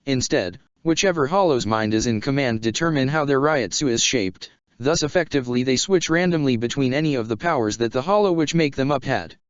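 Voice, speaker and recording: Guy reading fan fiction out loud, steady, smooth voice, dry kinda dull sound. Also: mid-range voice, brisk, hardly any pauses, no room sound. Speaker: narrator.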